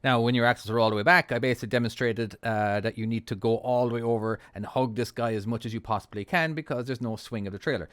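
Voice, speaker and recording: An Irish-accented man hosts his own channel, casually chatting and laughing often as he narrates a truck-driving game. He talks at a quick pace with hardly any pauses, in a medium-pitched, slightly bright voice with no echo.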